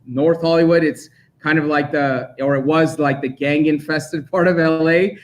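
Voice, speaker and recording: A man's voice: on the high side, steady tone. Chatty man collector, upbeat. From Armenia, raised in Los Angeles. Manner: talkative, quick to laugh. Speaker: collector guest. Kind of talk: casual chat.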